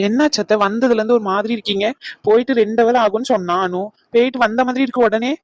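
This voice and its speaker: A woman voicing a bold, lively young woman in a cartoon, bantering with her friends. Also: on the high side, quick pace, dry recording, close to an everyday voice.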